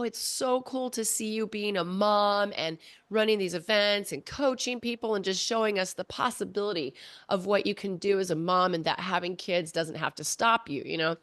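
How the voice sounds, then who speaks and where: Woman, 40s, animated interview guest recounting her story, recorded dry. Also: mid-range voice, no room sound. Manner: animated, acts out her own past voice in quotes. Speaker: podcast guest.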